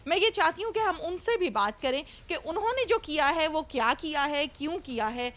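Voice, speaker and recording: High-pitched probing woman reporter. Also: sing-song, a bit bright. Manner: probing, pointed questions. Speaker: news reporter. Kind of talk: news interview.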